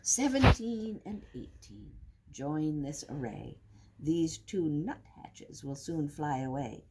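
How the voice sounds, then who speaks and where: Her voice is low with lively intonation and a slow pace: an older woman reading a picture book to young children as a teacher might, adding easy explanations and counting along. Recorded noisily, with clicks, in an indoor classroom with wooden furniture.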